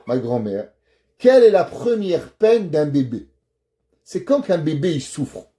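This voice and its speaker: A man, a rabbi, giving a Torah lesson and telling stories, acting out the dialogue. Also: fairly high pitch. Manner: animated storyteller who acts out dialogue.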